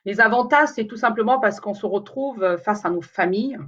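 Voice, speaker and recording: This Lingala-speaking woman vlogs live to camera, talking fairly quickly in a husky, fairly bright, medium-pitched voice. The audio is dull, and her casual, rambling chat to viewers is full of fillers and false starts.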